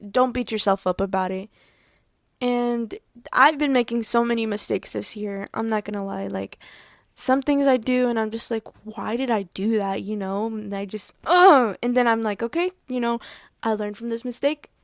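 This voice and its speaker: This is a teenage girl speaking on her own podcast, rambling through a heartfelt update with plenty of fillers and restarts. Her voice sits a little high and she laughs easily. The recording is dry and close, with no room sound. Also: moderate pace, dry recording. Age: late teens. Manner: excitable, laughs often. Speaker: podcast host. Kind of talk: casual personal update.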